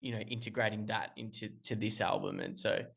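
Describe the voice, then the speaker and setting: In a casual interview conducted remotely, the Australian musician guest meanders through long replies, restarting often and leaning on fillers. His pitch is fairly low, his tone steady, brisk, creaky and a bit bright.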